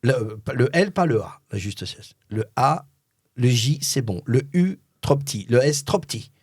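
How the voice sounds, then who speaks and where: A middle-aged French man, a voice-over artist, telling a story in an animated, theatrical way and acting out the dialogue. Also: medium pitch, normal speed, breathy edge, no echo, clean studio sound. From France.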